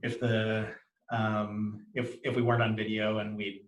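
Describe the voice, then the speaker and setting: A man with a fairly low, monotone voice recounts his own experience of cluttering in a conversational interview. His speech is disjointed and halting, full of repeated words and syllables, with frequent restarts and self-corrections. The video recording sounds roomy and echoey.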